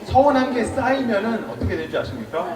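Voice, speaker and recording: A man in his forties, a monk giving a public lecture, lively and quizzing the audience, with acted-out dialogue. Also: very high-pitched, fast, a loud crowd. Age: 40s. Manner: lively, asks the audience questions, acts out quoted dialogue. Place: temple lecture hall with audience. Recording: echoey hall, mic from far off, audience around.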